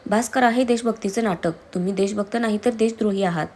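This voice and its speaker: A woman's voice: medium pitch, quick pace, a little mellow, lightly acted. A woman reading the lines of a fierce, grieving young woman who hurls accusations in a storybook reading. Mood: furious. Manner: heated, accusing.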